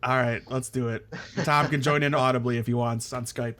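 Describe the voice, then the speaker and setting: A man hosting a casual wrestling podcast, ranting in an animated way and laughing often. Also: mid-range voice, fairly quick. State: hiccuping. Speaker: podcast host.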